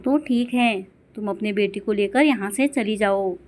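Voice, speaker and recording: A woman's voice: mid-range voice, a little slow, darkish tone, a little hiss or hum, natural voice. A woman voicing Kalu, a harsh male crow who is angry at his wife. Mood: dismissive. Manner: curt, dismissive.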